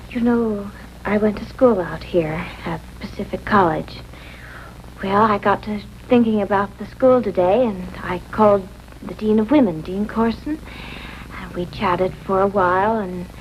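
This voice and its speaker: A woman's voice: mid-range voice, measured pace, lightly acted. Brief: woman as troubled young housewife, 1950s television drama, guarded, hesitant, earnest, old noisy soundtrack. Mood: uneasy. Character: anxious, guarded young wife and mother hiding trouble. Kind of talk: 1950s TV broadcast drama acting.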